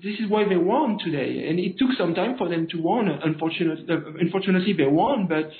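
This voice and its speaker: Man, French accent, native French speaker, halting interview talk, searching for words, echoey thin phone-like recording. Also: sits high, lively intonation. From France. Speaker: interview guest. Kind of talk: conversational political interview.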